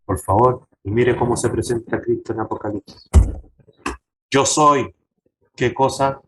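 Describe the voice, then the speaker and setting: A man's voice: mid-range voice, unhurried, noisy background. Emphatic man teaching a church class. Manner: emphatic teacher addressing the congregation directly. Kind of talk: church Bible lesson.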